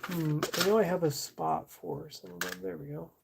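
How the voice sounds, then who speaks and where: A woman streamer chatting casually as she sorts, thinking aloud with fillers and soft laughs. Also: fairly low pitch, steady tone, moderate pace, creaky. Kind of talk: casual livestream chat while sorting. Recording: audible background noise.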